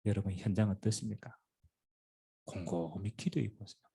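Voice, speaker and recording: A middle-aged man preaching a sermon in a church, swinging between loud bursts and hushed asides. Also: on the low side, moderate pace, creaky, husky. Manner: animated preaching with sudden loud and quiet swings. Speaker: pastor. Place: church sanctuary.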